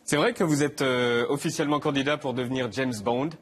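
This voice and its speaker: A man hosting a TV talk show, putting brisk, teasing questions to his guest. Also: medium pitch, fairly even intonation, slight background noise. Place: TV studio with an audience.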